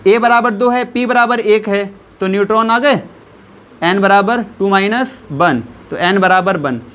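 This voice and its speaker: High-voiced man teaching chemistry. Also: a bit bright. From India. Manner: repeats key terms and quizzes listeners with questions; slows down to spell out values step by step. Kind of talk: classroom chemistry lesson.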